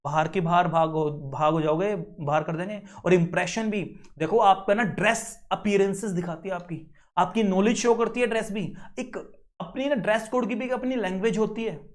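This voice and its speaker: An Indian man in his young adult years delivers a lecture in a high, lively voice. He talks to his students directly, scolding and joking with them, and slows down to read out English legal definitions. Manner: lively, scolding, switches between Hindi and English legal phrases. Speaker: teacher.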